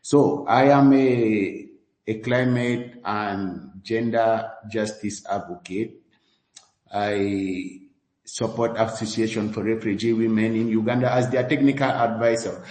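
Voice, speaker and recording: A man's voice: on the low side, steady tone, takes it slowly, darkish tone. A man from Cameroon with a Cameroonian English accent, speaking earnestly as a guest in a panel discussion. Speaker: technical advisor, guest. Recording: roomy echo.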